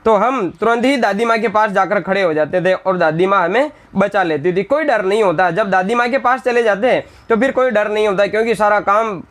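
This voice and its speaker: A man's voice: high voice, brisk, hardly any pauses, a bit bright. A male teacher explaining a Hindi textbook lesson, reading lines and then retelling them in simple words. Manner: briefly acts out the village women's scolding lines. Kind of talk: classroom lesson explaining a text.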